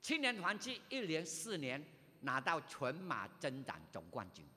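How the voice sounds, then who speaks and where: An older male pastor from Malaysia, telling his own story in a sermon, animated, with sudden loud rises. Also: on the high side, a little slow. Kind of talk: sermon, personal testimony. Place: church sanctuary. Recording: reverberant church hall.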